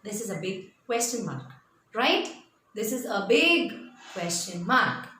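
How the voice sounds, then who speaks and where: A woman with an Indian accent giving an animated motivational talk, emphatic and repeating phrases for effect as she tells stories. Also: mid-range voice, measured pace. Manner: switches between English and Hindi. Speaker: speaker at a parents' seminar. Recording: very echoey room with faint background noise.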